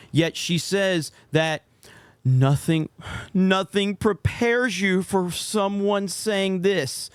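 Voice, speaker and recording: A man's voice: sits high, smooth, no echo. A man giving casual, opinionated commentary on gaming clips in a blunt, sarcastic, sweary manner.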